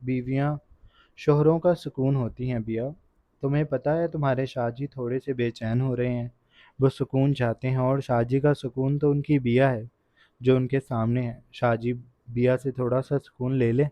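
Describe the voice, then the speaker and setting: A man voicing a possessive husband who coaxes gently and then gives stern orders, in a dry, dull recording. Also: mid-range voice, steady tone, no room sound, natural voice. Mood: coaxing.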